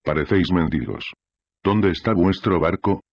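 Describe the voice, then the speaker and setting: A man voicing a gruff, scornful older pirate priest in an audiobook reading. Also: low voice, moderate pace, dry recording, lo-fi sound. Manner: scornful, blustering.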